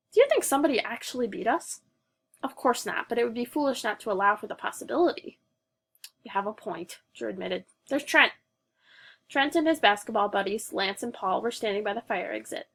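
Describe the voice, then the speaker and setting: A woman reading a children's novel aloud as the narrator, with brisk first-person storytelling and dialogue read without character voices. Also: fairly high pitch, fairly bright tone. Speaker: audiobook narrator.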